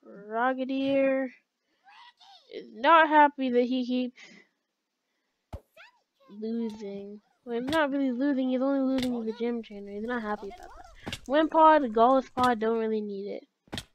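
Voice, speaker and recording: A woman's voice: fairly high pitch, a little slow, long pauses, dull audio, slight background noise. A woman giving chatty let's play commentary, talking to herself and to the game's characters. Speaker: gaming channel host.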